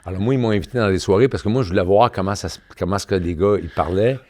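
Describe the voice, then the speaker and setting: A man's voice: fairly low pitch, racing. A middle-aged man with a Québécois French accent, a guest telling stories in a casual interview, full of fillers and restarts. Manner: animated storyteller with many fillers and restarts. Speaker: guest, boxer turned actor.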